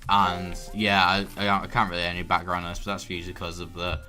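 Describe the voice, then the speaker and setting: Male let's player, deep-ish, flat and rambling, mutters numbers, over loud game music. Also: fairly quick. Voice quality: tends toward monotone. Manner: rambling, counts orders aloud under his breath. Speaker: let's play host. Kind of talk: casual gameplay commentary. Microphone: desk microphone at full volume.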